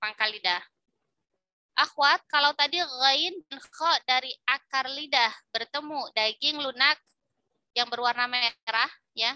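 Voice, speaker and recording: A middle-aged woman teaching Quran recitation in an online lesson, patiently repeating syllables for her students to copy, with pauses and self-corrections. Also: high voice, sharp tone, no room sound. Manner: halting, with fillers and self-corrections.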